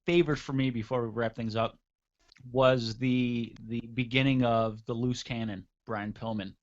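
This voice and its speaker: A man co-hosting a casual wrestling talk show, animated and rambling, often laughing. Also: mid-range voice, highs cut off. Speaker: co-host.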